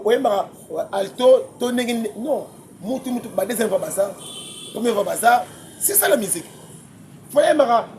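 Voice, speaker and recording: A man, debating music as a guest commentator, excitable and quick to laugh, often repeating his words. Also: high-pitched, a little hiss or hum. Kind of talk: heated casual debate.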